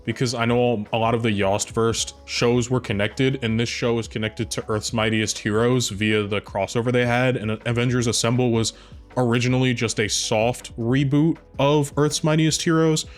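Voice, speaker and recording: A man at a mid-range pitch talks through a cartoon episode in a loose, chatty way. He drops offhand asides as he goes, with faint music playing underneath. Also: steady tone, normal speed. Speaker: video reviewer. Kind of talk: casual commentary. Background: faint background music.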